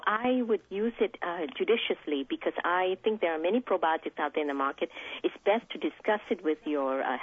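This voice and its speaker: Woman physician guest, husky voice over a phone line, thoughtful and explanatory. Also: on the low side. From Singapore. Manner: explanatory, frequent fillers and restarts. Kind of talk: radio interview answers. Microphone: telephone.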